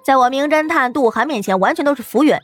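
A man voicing a blustering self-styled woman detective who shouts threats through a door. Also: very high voice, fast talker, faint music behind, voice pushed up.

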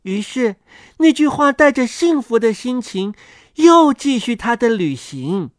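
Slow, sweet-voiced woman reading a children's story. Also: fairly high pitch, big pitch swings, no echo, clean studio sound. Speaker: co-host storyteller.

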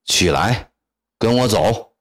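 A man's voice: on the low side, lively intonation, slow pace, fairly bright tone, heavily acted. A man playing a fierce young rebel warrior. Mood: menacing. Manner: harsh, threatening commands.

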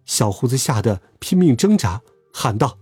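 A man telling a children's story aloud in a lively, expressive way. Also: mid-range voice, normal speed, husky, no room sound, studio quality, soft background music.

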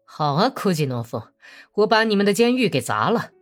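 A woman doing a gruff, hot-tempered Cossack officer. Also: medium pitch, very animated, fairly quick, soft background music, natural voice. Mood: angry. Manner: gruff, threatening, curt.

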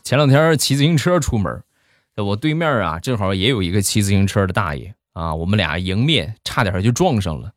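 A man's voice: on the low side, a little fast, no room sound, soft background music. A man hosting a show, telling comic stories in a chatty way. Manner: chatty, animated. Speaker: joke-telling host. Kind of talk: comic storytelling.

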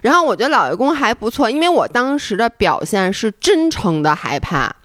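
A woman's voice: fairly high pitch, fairly quick, dry recording, clean studio sound. A woman hosting a podcast, telling a story in casual chat and acting it out with sudden shrieks and laughter. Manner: animated, breaks into shrieks and laughter when reenacting. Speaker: podcast host.

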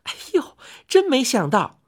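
A woman voicing Chang'e, a vain, quick-tempered young wife who scolds shrilly, for a spoken storybook. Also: lowish voice, very animated, slightly rough. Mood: delighted.

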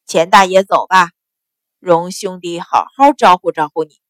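A woman voicing a burly male retainer who talks gruffly and mockingly. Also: on the low side, expressive, brisk, no echo, clean studio sound, close to an everyday voice.

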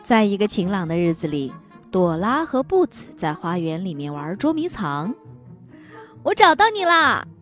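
A woman storyteller reading a picture book aloud for children in an animated, sing-song manner. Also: fairly low pitch.

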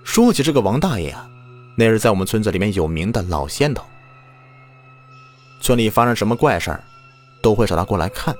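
A man narrating a listener's ghost story as the show's storyteller host, acting out the shouted lines. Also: lowish voice. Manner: lively, acts out quoted shouts. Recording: faint music underneath.

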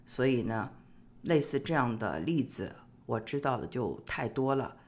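A middle-aged speaker from China hosting an advice show, talking in a casual, explanatory way with frequent pauses on filler particles. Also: medium pitch, sing-song. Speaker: host of an immigration-advice show.

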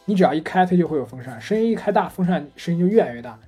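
A man co-hosting a casual podcast chat, telling anecdotes in a lively, chatty way. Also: on the high side, rapid-fire, breathy edge, soft background music. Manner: chatty storyteller, animated retelling of anecdotes. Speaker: podcast co-host. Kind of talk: casual chat about gadgets.

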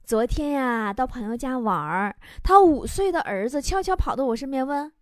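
A woman's voice: high-pitched, moderate pace, no room sound. A woman hosting a comedy radio show, reading listener jokes aloud and laughing often. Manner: laughs often, animated joke telling.

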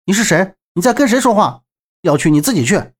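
A man voicing an excitable, loud young man who shouts in a high, strained voice. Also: takes it slowly, heavily acted. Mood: indignant. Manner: shouting, indignant, high-strung.

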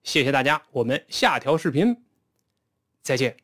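Male pronunciation teacher, patient, demonstrates phrases slowly, bouncy intonation. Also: mid-range voice, expressive, fairly bright tone. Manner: slow demonstrative drilling of English phrases. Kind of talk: online pronunciation lesson.

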